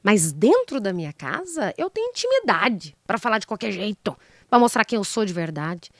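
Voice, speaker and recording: In an interview, a female psychologist guest teaches about relationships, asking rhetorical questions and performing example exchanges. Her pitch is medium but swings widely, and she keeps a moderate pace. There's no room sound, and the recording is studio grade.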